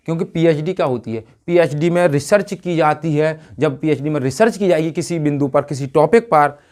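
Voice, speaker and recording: A man's voice: fairly high pitch, a little fast, a little mellow. Man teaching, quizzing and repeating. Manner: asks the class questions and answers them himself, repeats key words. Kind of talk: whiteboard grammar lesson.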